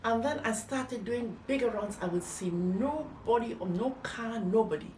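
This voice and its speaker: An older woman, a former nurse, recounts personal memories in an interview, speaking emphatically and often acting out what people said. Her voice is a little high with a darkish tone at normal speed, captured by a distant mic in an echoey room with faint noise.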